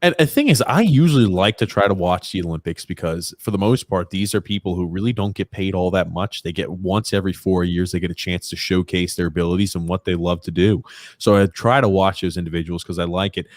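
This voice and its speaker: Low-voiced man hosting sports talk, dry sound. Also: dry recording. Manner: chatty, reads viewer comments aloud. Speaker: host.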